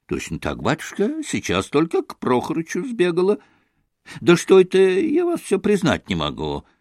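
A man voicing a sharp-tongued old female servant in an audiobook, shrill and folksy. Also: wildly swooping pitch, normal speed, no room sound, clean studio sound. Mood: scolding, gossipy.

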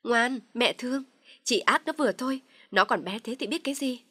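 A woman voicing a young sister-in-law who shouts accusations in a high, loud voice in an audio story. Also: expressive, fast talker. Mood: shrill accusing.

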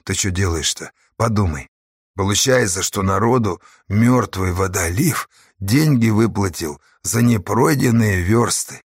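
Narrator plays a skeptical boatman, low, husky and dry. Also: animated, a little slow, no room sound. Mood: reproachful. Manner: searching, reproachful. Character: doubting grown male boatman, probing.

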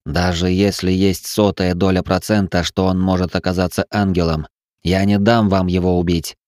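Male reader as a deliberate, stubborn ghost captain, low voice, dry read. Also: no echo, natural voice. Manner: slow, steady and stubborn. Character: stubborn man, a digital ghost ship captain.

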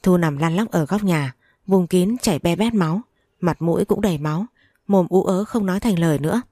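Low mellow-voiced woman narrating a story. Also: brisk, no room sound, clean studio sound. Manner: dramatic first-person telling.

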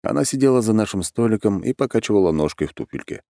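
Guy reading an audiobook, wry and chatty, lowish voice, really dry close sound. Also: lively intonation, fast, creaky, mellow, no echo. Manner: wry, conversational. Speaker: audiobook narrator. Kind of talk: first-person audiobook narration.

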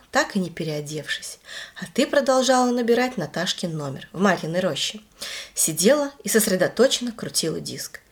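Woman telling a story to her child. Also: lowish voice.

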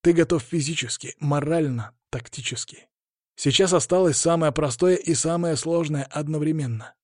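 A man voicing a calm middle-aged boxing coach who speaks earnestly and encouragingly before a fight. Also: on the high side, normal speed, no room sound, studio quality, voice pushed up, lightly acted.

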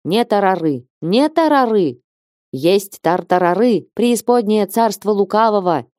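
A woman's voice: normal speed, warm tone, dry recording, close to an everyday voice. A woman voicing a half-mad old nun who shrieks in a frenzy, with a dry close sound. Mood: shrieking. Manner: shrill, frenzied wailing.

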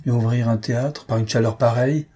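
A man reading aloud and voicing a grumpy, irritable older husband who blusters and shouts sarcastically. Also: medium pitch, fairly even intonation, brisk, husky, natural voice. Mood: grumbling.

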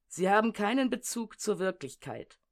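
A woman narrating an audiobook essay in a measured, sober reading of dense prose. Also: mid-range voice, sing-song. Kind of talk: read-aloud essay narration.

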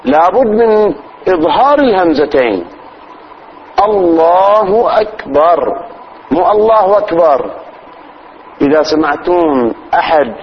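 A man, teaching religious law as a sheikh. He explains slowly, repeats phrases and demonstrates pronunciation. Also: on the high side, lo-fi sound, a little hiss or hum. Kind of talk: religious lesson.

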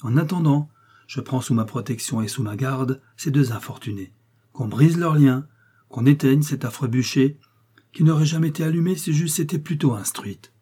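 Frail forgiving noblewoman, read by a man in a dark husky tone, pitched up, storybook reading. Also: normal speed, lightly acted. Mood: pleading, tender. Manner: tender, raised pitch for a woman. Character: gentle dying noblewoman, pale and forgiving.

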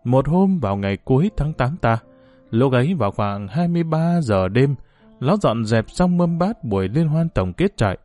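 A man reading a novel aloud as an audiobook, with a lively, swinging pitch at a middling height. His storytelling is expressive, and faint music plays beneath the voice. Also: normal speed. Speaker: narrator.

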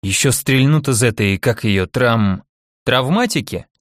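A man's voice: medium pitch, expressive, a little slow, no room sound, studio quality, close to an everyday voice. A man reading an audiobook, voicing a chatty, nosy old village woman who uses folksy exclamations. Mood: fussy.

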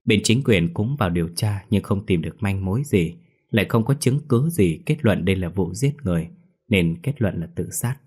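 A man narrates a ghost story in a low, husky voice. He tells it slowly and mournfully, in a steady storytelling manner.

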